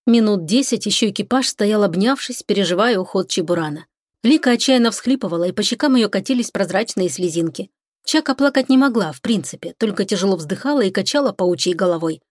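A woman reads an audiobook chapter in steady, expressive scripted narration. Her voice sits at a middle pitch. The recording is dry and close. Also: fairly quick, dry recording.

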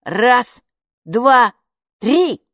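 A woman's voice: fairly high pitch, extremely slow, no echo, clean studio sound, pitched above the performer's own voice, exaggerated voice. A woman voicing a sensible boy who speaks steadily and firmly in an audiobook. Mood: steady. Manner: steady, coaxing and firm. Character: sensible boy, calm and in charge. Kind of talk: audiobook character voice.

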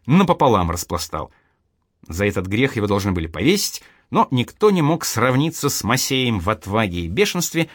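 A man narrating an audiobook in a dramatic, expressive storytelling manner on a close studio mic. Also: medium pitch, dry recording.

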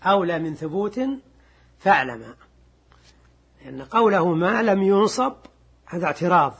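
Here a husky-voiced older man, high and animated, leads a classical Arabic grammar class. His delivery is measured, he returns to key words repeatedly, and he takes quoted text slowly.

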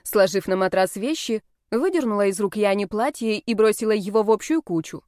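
A woman's voice: medium pitch, fairly quick, no echo. Woman reading a story, dry mic. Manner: lively first-person storytelling. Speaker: audiobook reader. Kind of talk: scripted narration.

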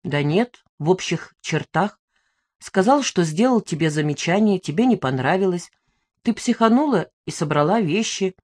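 A woman's voice: fairly low pitch, expressive, moderate pace, darkish tone. Woman voicing a brusque young male friend, matter-of-fact and scolding; audiobook. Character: young man, blunt, mildly scolding friend. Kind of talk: audiobook dialogue reading.

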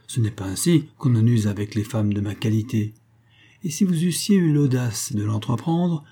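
A man's voice: mid-range voice, mellow, husky. A man reading the part of a proud young wife who mocks her husband with haughty indignation. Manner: haughty and mocking.

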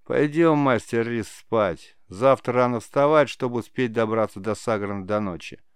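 A man reading an audiobook, voicing a gruff, mocking male warrior. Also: mid-range voice, moderate pace, no echo, studio quality, close to an everyday voice.

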